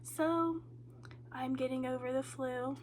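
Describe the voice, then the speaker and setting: This booktuber's high voice stays steady and slow, with the nasal congestion of a cold and a tired, drained quality. Her reading update vlog is casual and rambling, thick with ums and likes. Slight background noise is audible.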